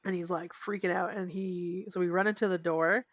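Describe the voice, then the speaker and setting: Young woman, podcast co-host, low-pitched, chatty storyteller who swears freely, recorded dry and lo-fi. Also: normal speed, no echo. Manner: animated storytelling, frequent "like" and swearing. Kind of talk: casual chat. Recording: dry, dull lo-fi podcast audio.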